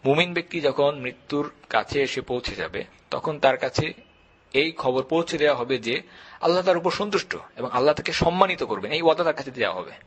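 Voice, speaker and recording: Husky-voiced man preaching earnestly. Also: on the high side, animated. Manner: earnest, measured preaching with emphatic repetition. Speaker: Islamic lecturer. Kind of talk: religious lecture.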